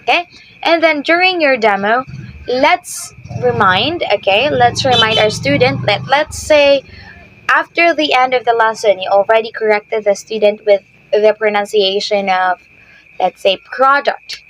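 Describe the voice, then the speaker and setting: A woman's voice: a little high, measured pace, a bit bright, low-quality recording. Woman ESL teacher giving tips. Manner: repeats "okay?" often, patient and explanatory. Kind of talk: instructional talk to teachers.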